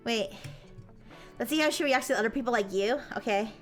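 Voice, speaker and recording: A woman's voice: on the high side, brisk, over music. A woman livestreamer chatting casually with viewers in a cute, bubbly anime-streamer manner, sing-song and playful. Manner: giggly, playful. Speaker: livestreamer hosting personality tests.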